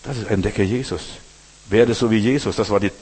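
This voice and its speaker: A man's voice: on the low side, brisk, darkish tone, husky, in a large hall. A man preaching a sermon, addressing listeners directly with frequent asides asking if they understand.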